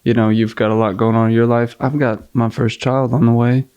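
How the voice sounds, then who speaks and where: A man in his thirties, a guest on a casual podcast, speaking in an earnest, steady and upbeat way. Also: mid-range voice, a little fast, clean tone, lo-fi sound. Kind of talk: casual chat.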